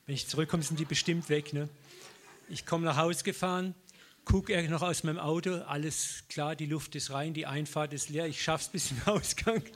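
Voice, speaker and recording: A middle-aged male preacher in an animated sermon. His voice sits a little high for a man, and he acts out every conversation he retells. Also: normal speed. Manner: lively storytelling, acts out dialogue, laughs often. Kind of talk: sermon with personal stories.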